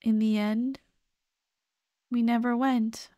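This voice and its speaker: In an ASMR roleplay, a woman acts as the ghost of a dead girlfriend, gently pleading with and comforting the one she left behind. Her high voice is very dry and close with no room sound, delivered slowly, flatly and tenderly with sighs. The mood is wistful, tender and full of grief.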